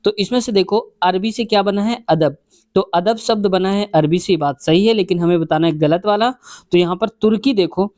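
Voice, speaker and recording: A man's voice: high-pitched, a little mellow, no echo. A male teacher explains exam answers step by step. He often restates the question number before he works through it. The sound is dry and close.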